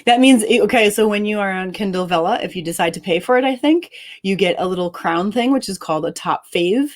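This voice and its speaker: A woman author reading her own story aloud and then chatting with her co-host, expressive and upbeat and quick to laugh. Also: medium pitch. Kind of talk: dramatic story reading and casual chat.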